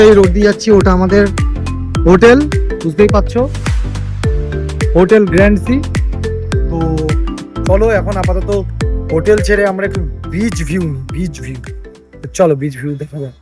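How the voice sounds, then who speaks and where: A man's voice: sits high, rough recording. A man talking casually to his viewers as he films his trip around a seaside hotel and restaurant on a phone camera. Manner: chatty, addresses viewers directly. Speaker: travel vlogger. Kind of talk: casual travel vlog.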